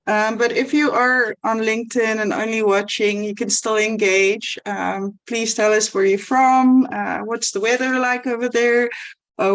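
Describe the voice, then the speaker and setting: A woman's voice: mid-range voice, rough recording. A woman casually hosting a live online session over a video call, hesitant, with many ums and restarts. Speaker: host.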